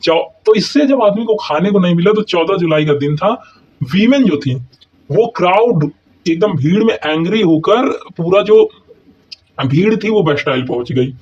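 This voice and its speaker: A man goes through history exam notes like a teacher, posing questions and answering them himself. His voice sits fairly high. The recording is dull and lo-fi. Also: animated, normal speed, a little mellow. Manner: keeps asking and answering his own questions, with many "thik hai" and "hai na" check-ins. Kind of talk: explaining exam notes in a mix of Hindi and English.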